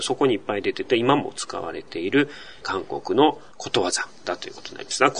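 Lively man explaining pronunciation on a podcast. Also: medium pitch. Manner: lively, explains patiently with rhetorical questions. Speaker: podcast host teaching Korean.

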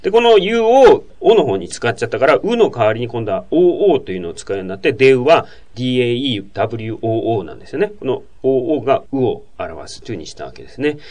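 Male talk host, quick and animated delivery, explanatory chat. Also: mid-range voice. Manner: explanatory, lively, reads listener messages. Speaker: radio show host. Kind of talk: casual talk show explaining language.

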